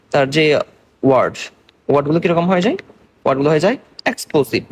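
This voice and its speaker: In an exam-oriented medical lecture, a young Bangladeshi man moves step by step, explaining slowly in a blend of Bengali and English terms and frequently checking that students understand. His voice is a little high, with slight background noise.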